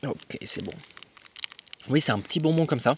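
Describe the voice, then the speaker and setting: A young travel vlogger talks casually to his handheld camera in a slangy, loose way, calling his viewers "guys" and thinking aloud with lots of fillers and restarts. His voice is on the high side and expressive, with a measured pace and a noisy background.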